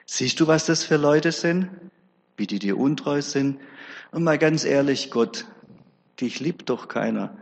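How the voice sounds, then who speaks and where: A man's voice: on the high side, a little slow, creaky, long reverb tail. A man preacher voicing a sneering male devil who mocks and taunts God. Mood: mocking. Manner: mocking, taunting.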